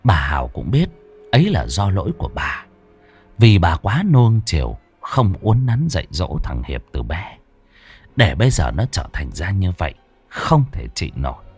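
Husky-voiced man telling a ghost story. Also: sits low, huge pitch swings, normal speed, darkish tone. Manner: dramatic storytelling with voiced characters. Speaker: narrator. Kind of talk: scripted ghost story narration. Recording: dry close recording with faint music.

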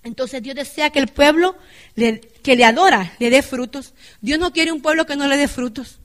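A woman's voice: high voice, normal speed. A woman preaching a church sermon who keeps checking in with the congregation with "right?" and calls them brother and sister. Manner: addresses listeners as brother and sister. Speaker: lay preacher.

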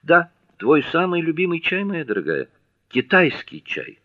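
Man voicing a prim, fussy Victorian husband in a storybook reading, pitched higher and pushed louder. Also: very animated, a little slow, dry recording, dull audio.

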